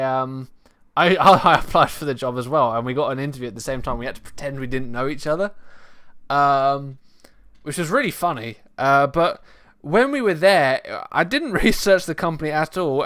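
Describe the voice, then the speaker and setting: A young man hosting a live stream, chatting casually, laughing often, with sudden loud bursts. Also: medium pitch. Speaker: stream host.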